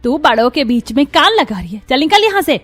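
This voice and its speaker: A woman's voice: high-pitched, sing-song, fairly quick, fairly bright tone. Harsh scolding mother-in-law. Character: cruel shrill mother-in-law, middle-aged, scolding. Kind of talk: cartoon voice acting. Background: faint music.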